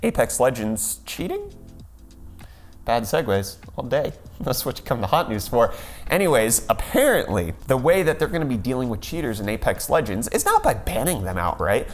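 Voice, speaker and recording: A man rattling through a casual tech news rundown at a middle pitch. He is sarcastic and links each story with a jokey segue. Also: huge pitch swings, normal speed, soft background music.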